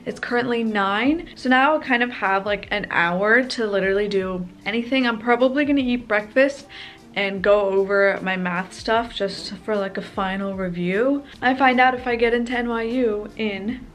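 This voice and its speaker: A woman's voice: medium pitch, moderate pace. A young woman talking casually to her camera at home in a chatty, upbeat vlog, with lots of "like" fillers. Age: young adult. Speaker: vlogger.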